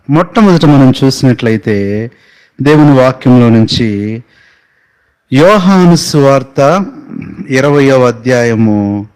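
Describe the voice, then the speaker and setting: A man's voice: mid-range voice, darkish tone, rough recording. A man preaching a sermon, firing off emphatic rising questions and sometimes singing a hymn line. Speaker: pastor.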